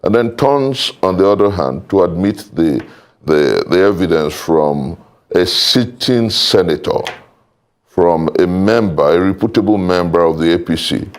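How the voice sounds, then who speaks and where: A Nigerian man appears as a panel guest offering political commentary, speaking deliberately and rhetorically with formal wording. His voice is deep, with lively intonation.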